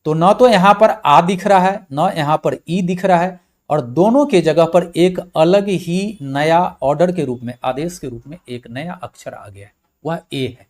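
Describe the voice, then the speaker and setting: A man teaching a grammar lesson. He goes slowly and patiently, repeating himself and spelling out each letter step by step. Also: on the high side. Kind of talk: slow blackboard-style lecture.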